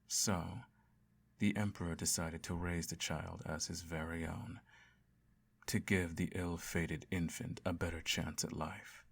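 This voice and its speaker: Playing a villainous emperor at bedtime, a man tells a child his tale in a very low, heavily creaking, gravelly voice with an exaggerated, flat-pitched style. He sounds self-righteous and fond, carries himself with measured grandeur, and stays quietly menacing throughout this solemn story.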